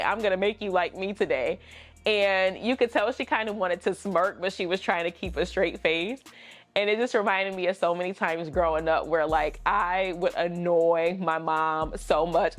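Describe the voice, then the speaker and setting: A woman vlogger telling a personal story, candid and emotional, chatty with slang asides. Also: on the low side.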